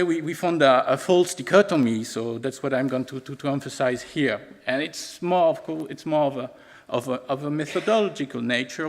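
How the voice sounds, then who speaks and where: A man giving an academic conference talk, hesitant and halting, often repeating words. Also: medium pitch. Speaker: conference speaker. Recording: long reverb in a lecture hall.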